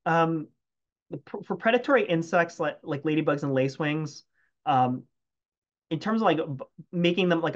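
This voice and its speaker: Hesitant man on a lo-fi call. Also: a little high. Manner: hesitant, many restarts and fillers. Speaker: entomologist answering questions. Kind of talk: casual Q&A after a talk. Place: home room, video call.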